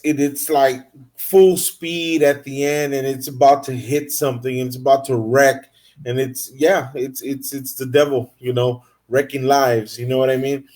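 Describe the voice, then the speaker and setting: A man's voice: mid-range voice, a little mellow. Enthusiastic, stammering man host. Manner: enthusiastic, stammers and repeats words. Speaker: interview host. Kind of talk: casual interview chat.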